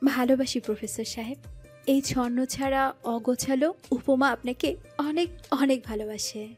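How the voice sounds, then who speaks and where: A woman's voice: extremely high pitch, expressive, moderate pace, soft background music, voice pushed up. A woman voicing a playful, affectionate young wife in an audio love story, sweet and teasing. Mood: tender. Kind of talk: audio drama dialogue.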